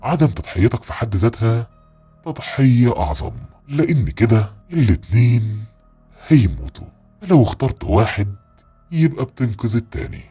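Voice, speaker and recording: A sinister male spirit, put on by a man, speaks in a dark, raspy, breathy voice. Each slow word comes as a cruel command or taunt, whispered close to the ear. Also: mid-range voice, lively intonation, faint music behind, voice pushed down.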